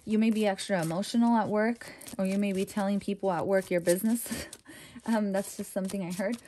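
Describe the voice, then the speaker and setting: A woman's voice: mid-range voice, warm tone, a little hiss or hum. A young adult woman doing a casual tarot reading, chatty and reassuring, with lots of loose fillers as she talks to viewers. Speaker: tarot reader.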